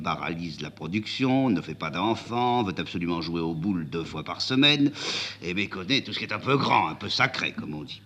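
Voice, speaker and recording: A man's voice: low-pitched, fairly bright tone. A man voicing a young aristocratic prince, haughty and formal, with stiff, ironic speech.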